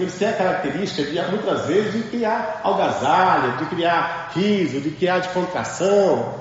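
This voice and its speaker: A man's voice: sits high, a little mellow, a little hiss or hum. Emphatic man lecturing in an echoey hall. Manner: emphatic, asks the class rhetorical questions. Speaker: spiritual teacher. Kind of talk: religious class lecture. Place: large temple hall. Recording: echoey hall with dull lo-fi sound.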